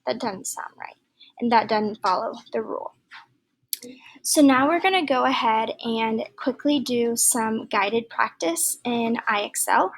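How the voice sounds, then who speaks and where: A woman teacher walks through a grammar lesson at an unhurried pace. Her voice sits a little high, and she explains patiently, with soft asides and small fillers. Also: rough recording. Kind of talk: recorded online grammar lesson.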